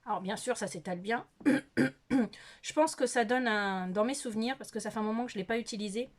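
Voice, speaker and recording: A woman's voice: fairly high pitch, fairly quick. A middle-aged woman chatting casually through a makeup tutorial in her bedroom, filmed on a phone, hesitant and full of fillers, laughing at herself. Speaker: beauty vlogger. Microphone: phone camera.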